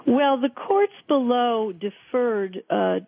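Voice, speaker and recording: A woman, a law expert, answering interview questions haltingly with many ums over a tinny phone line. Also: a little high, creaky, dry recording. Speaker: law professor and jury expert. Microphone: telephone.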